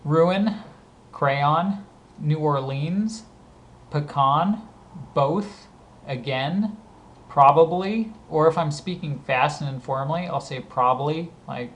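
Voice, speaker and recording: Speaking slowly in a high, slightly bright voice, a man with a SoCal accent and a scratchy sound works through a word list. He says each word, then chats about how he uses it.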